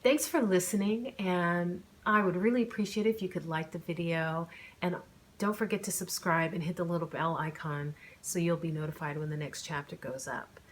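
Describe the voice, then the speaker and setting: A woman narrating her own romance audiobook in a plain, even storytelling manner. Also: fairly low pitch, normal speed, a little hiss or hum.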